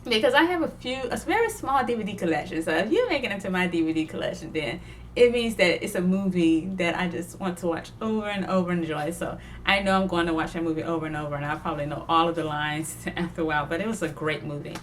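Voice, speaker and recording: A woman's voice: fairly low pitch, fast talker, slight background noise. Chatty woman sewing vlogger. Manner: chatty, digressive, laughs often. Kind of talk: casual chat.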